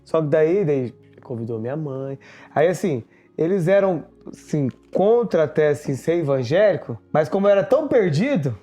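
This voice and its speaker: A man telling his personal testimony in an interview, halting and searching for words. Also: a little high, expressive, mellow, soft background music. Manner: halting, many fillers and restarts.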